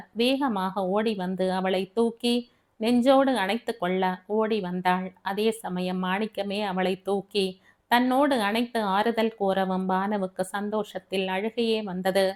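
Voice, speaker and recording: A woman reading a family novel aloud as an audiobook narrator, in a steady, expressive storytelling manner. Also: mid-range voice.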